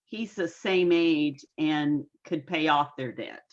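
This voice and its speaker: Woman, sixties, low voice, folksy, earnest, video call interview guest, muffled lo-fi sound. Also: slow. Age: 60s. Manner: folksy, homespun phrasing. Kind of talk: casual interview talk.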